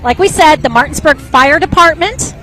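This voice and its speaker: A woman's voice: sits high, animated, moderate pace. A woman hosting live event commentary outdoors in a chatty, enthusiastic, casual manner. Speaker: parade broadcast host. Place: outdoors on a street at a parade. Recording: street crowd, traffic and loud music behind. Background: music, crowd, vehicles.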